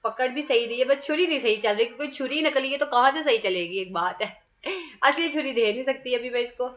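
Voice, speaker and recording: A woman's voice: fairly high pitch, brisk, a bit bright. A middle-aged woman, a mother and vlogger, chatting casually as she talks through her household chores. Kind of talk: casual running commentary.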